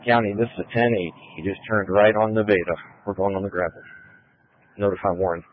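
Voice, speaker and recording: Patrol officer on police radio, a man with a very low voice, terse and rapid, over a tinny, narrow channel. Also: fairly even intonation. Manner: terse, rapid status reports. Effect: police radio transmission. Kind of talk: radio pursuit calls.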